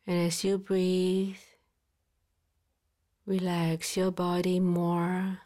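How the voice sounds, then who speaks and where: Female meditation guide: soft, calm, slightly low and very even, unhurried, partly whispered. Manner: slow, soft, calm with long pauses. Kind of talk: guided body-scan relaxation.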